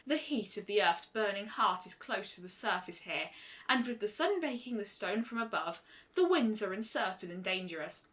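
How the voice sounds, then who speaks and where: A woman plays a regal storybook pony princess. She is composed and grave, speaking formally and with measured poise in a bright tone. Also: mid-range voice, animated, lightly acted. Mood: solemn.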